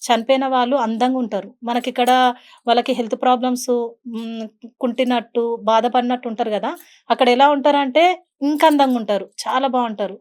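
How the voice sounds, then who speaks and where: Fast-talking earnest woman guest. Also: a little high, steady tone, darkish tone. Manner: earnest, mixes English words into her speech. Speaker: interview guest. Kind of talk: emotional personal storytelling in an interview.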